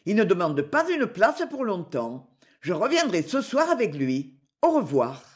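A woman voicing a brisk young man running errands, speaking curtly and offhandedly, lower than her own voice. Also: big pitch swings. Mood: offhand. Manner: curt and offhand.

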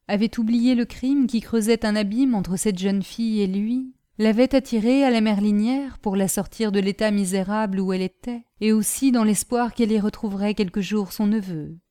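A woman narrating a novel in a measured, literary manner. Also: mid-range voice, warm tone, no echo, clean studio sound.

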